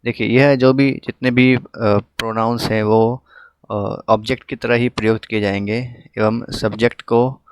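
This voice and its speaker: A man's voice: mid-range voice, steady tone, moderate pace, smooth. A man teaching an online English grammar lesson, explaining patiently with frequent filler sounds.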